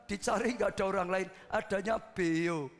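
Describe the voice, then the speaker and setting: High-voiced impassioned male preacher. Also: moderate pace, long reverb tail. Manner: impassioned preaching, swinging from loud peaks to hushed asides. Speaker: pastor. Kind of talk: sermon.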